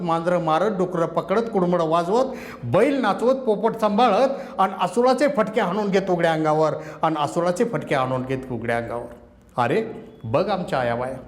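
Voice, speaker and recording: A man's voice: sits high, roomy sound. A man reciting a dramatic poem with fierce passion, repeating lines for emphasis. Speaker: poet.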